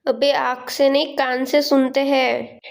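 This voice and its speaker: A woman's voice: sits high, flat delivery, a little slow, gravelly. A woman voicing a cheerful young man who jokes casually with an old friend. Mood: friendly. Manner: jokey, casual.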